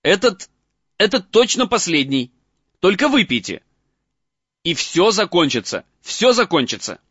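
A man's voice: high voice, very animated, unhurried, fairly bright tone, breathy edge, dry recording, highs cut off, pitched above the performer's own voice, full character voice. A man voicing a desperate teenage boy wizard urging an old man to drink, in an audiobook reading. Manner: urgent desperate coaxing.

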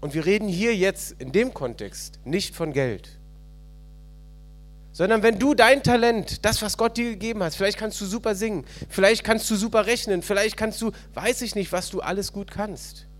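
Speaking at normal speed in a high-pitched voice, the pastor preaches at a church service. He tells a parable with animated flair and asks the congregation questions along the way.

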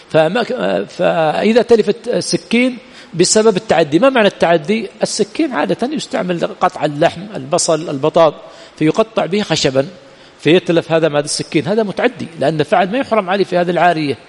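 A man with a high, somewhat dark voice teaches Islamic jurisprudence as a sheikh in a teaching center hall. He lectures in call-and-response style, repeatedly asking his students "what?" and then supplying the answer himself. The recording carries a long hall reverb.

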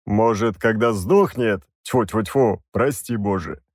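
A man voicing a blunt, gruff old army commander with a rough soldier's way of talking. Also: fairly low pitch, measured pace, dry recording, studio quality.

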